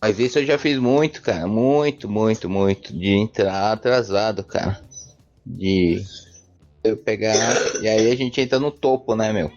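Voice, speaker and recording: A Brazilian man co-hosting a podcast, chatting casually and relaxed, agreeing and adding his own stories. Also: fairly low pitch, unhurried. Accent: Brazilian Portuguese. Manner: relaxed, peppers speech with "cara" and "né". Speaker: podcast co-host. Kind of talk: casual chat. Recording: dull lo-fi sound with faint music.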